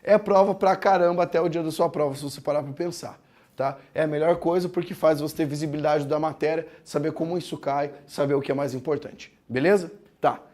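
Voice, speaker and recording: A man teaching a grammar lesson, explaining step by step, asking the class questions, and slowing down to break words into syllables. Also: on the high side, fairly even intonation, darkish tone. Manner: slows down to spell out words syllable by syllable. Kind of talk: classroom lecture.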